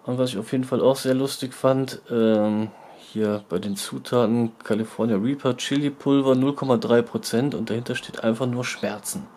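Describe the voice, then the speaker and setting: A man's voice: medium pitch, steady tone, normal speed, a little mellow. A man hosting a casual product review vlog, chatting informally from behind the camera. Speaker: host of an online video channel. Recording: faint background noise.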